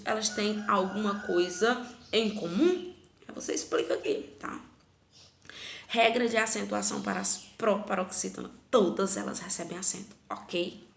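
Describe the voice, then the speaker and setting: Brazilian woman teacher, slightly gravelly, patient step-by-step explainer, echoey room. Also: medium pitch. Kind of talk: recorded grammar lesson. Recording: echoey room with faint background noise.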